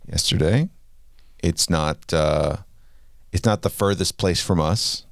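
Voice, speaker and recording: A man's voice: sits low, slow, gravelly, a bit bright, no echo, studio quality. A man in his forties co-hosting a parenting podcast in casual chat, hesitant and searching for words. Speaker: podcast co-host.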